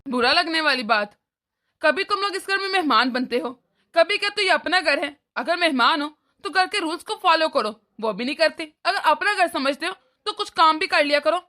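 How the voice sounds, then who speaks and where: Woman voicing a cartoon man who is cranky and preachy, pitched high and bright. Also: animated, moderate pace. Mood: lecturing. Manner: annoyed, lecturing. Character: irritable elder brother, adult man, short-tempered.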